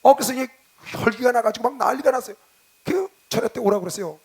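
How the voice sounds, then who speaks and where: A middle-aged male pastor preaching a sermon, moving between loud bursts and hushed asides. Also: extremely high pitch, fast talker, vocal fry, slightly rough. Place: convention hall.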